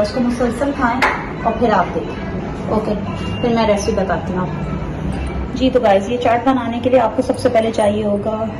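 A young woman chats her way through a home recipe vlog in a fairly high voice. She talks loosely, with plenty of fillers. The camera mic sits a few feet off in an echoey kitchen with steady background noise. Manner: chatty, gestures a lot while talking, many fillers. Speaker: cooking vlogger. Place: home kitchen and dining table, indoors. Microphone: camera mic from a few feet away.

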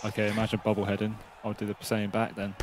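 A man's voice: on the low side, monotone, fast talker, background noise. A young man hosting a fighting-game match, teasing and trash-talking his opponent. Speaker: channel host. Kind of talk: casual gaming banter.

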